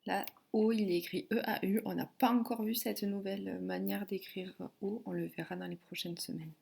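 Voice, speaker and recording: A woman teacher giving a phonics and spelling lesson to a child, dictating syllables slowly and clearly. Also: medium pitch, fairly even intonation, a little mellow. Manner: slow, clearly articulated dictation.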